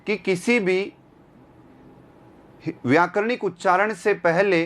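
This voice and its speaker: A man's voice: high voice, a bit bright. A man teaching Hindi grammar in an exam-prep lecture, repeating key terms and asking rhetorical questions. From India.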